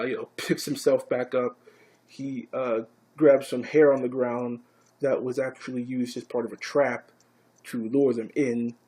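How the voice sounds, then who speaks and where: A man casually recapping and reviewing an anime episode, swearing freely and growing excited. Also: medium pitch, slightly rough. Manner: casual, profane, grows excited.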